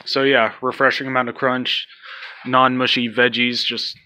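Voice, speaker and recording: A man's voice: medium pitch, little pitch movement, normal speed, pushed and bright, rough recording. A young man chatting casually and jokingly as he films in a home kitchen. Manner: joking, crude. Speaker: co-host filming the cooking. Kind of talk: casual, profane banter. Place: small home kitchen, indoors. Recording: faint noise on handheld kitchen recording.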